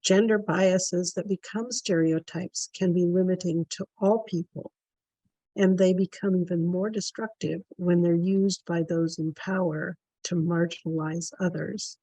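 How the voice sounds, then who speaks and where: Woman moderator, slow, deliberate read, dry close sound. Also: on the low side, darkish tone, no room sound, poor audio. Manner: slow, measured delivery. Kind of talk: prepared presentation.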